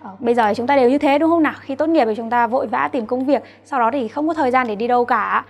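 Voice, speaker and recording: A woman's voice: on the high side, quick pace. A young woman with a Vietnamese accent teaching a vocabulary lesson and asking students to check along. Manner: patient, asks rhetorical checks to students. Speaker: Chinese teacher.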